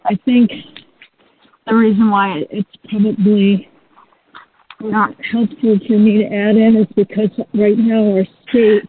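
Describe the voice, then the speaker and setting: A woman on a webinar, talking hesitantly with many pauses, heard through a muffled speakerphone. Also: mid-range voice, little pitch movement, slight background noise. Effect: muffled speakerphone sound. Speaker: panelist on a webinar. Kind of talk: unprepared casual remarks. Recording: muffled phone line.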